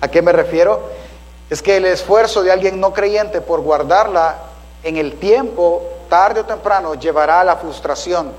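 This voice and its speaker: A man's voice: high-pitched, normal speed, low-quality recording. A man preaching a sermon as a pastor, calling listeners "brother" and asking them rhetorical questions.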